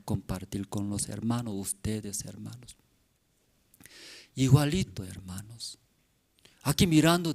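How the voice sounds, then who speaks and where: A man who is a pastor, preaching a sermon in short, broken phrases, repeating questions back to the congregation. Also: medium pitch. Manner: simple, broken phrasing peppered with rhetorical questions and "mm?".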